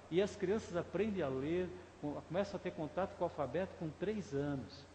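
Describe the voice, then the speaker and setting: A man's voice: fairly high pitch, a little mellow, a little hiss or hum. A male pastor with a Brazilian Portuguese accent preaching a conversational sermon, often asking the congregation questions. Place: church sanctuary. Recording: echoey church hall, faint ambience.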